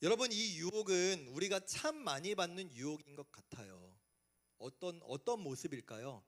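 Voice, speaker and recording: A young man preaching to a youth congregation as their pastor, animated and asking rhetorical questions. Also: on the high side, normal speed. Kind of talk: sermon.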